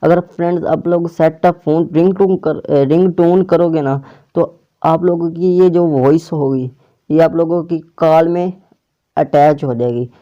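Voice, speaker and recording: Speaking slowly in a fairly high, even voice, this tutorial host guides listeners through an app in a relaxed, step-by-step way, frequently restating his directions. The sound, captured on a clip-on or plugged-in microphone, is muffled and lo-fi.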